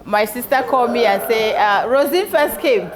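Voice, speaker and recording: Over a noisy party crowd, a middle-aged woman delivers a birthday speech in a hall. Her voice is a little high and expressive, her pace moderate, and she laughs frequently as she tells a story.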